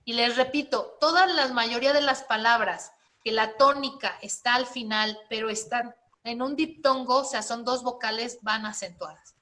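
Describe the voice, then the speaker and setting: Teaching spelling and writing, this woman speaks at a moderate pace in a high, sharp-toned voice. Her manner is explanatory: she walks through each step and often pauses to ask her students questions.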